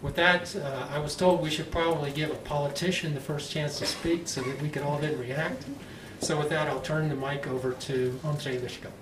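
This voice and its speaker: A man with an American accent speaking slowly and clearly as he moderates a public panel discussion. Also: a little high, steady tone. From United States. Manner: slow, clearly enunciated, deliberate delivery. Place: conference panel room, indoors. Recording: echoey, noisy room, distant mic.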